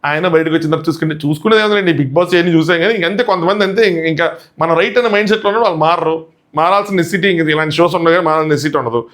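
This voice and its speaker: A man giving a casual commentary recap as a show reviewer, retelling fast and acting out quotes. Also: on the high side, fairly bright tone.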